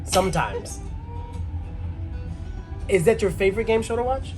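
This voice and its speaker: High-pitched man bantering as a host. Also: measured pace, faint music behind. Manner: excitable, jokey, laughs often, repeats phrases. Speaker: cruise director and game show host. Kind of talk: casual bantering interview.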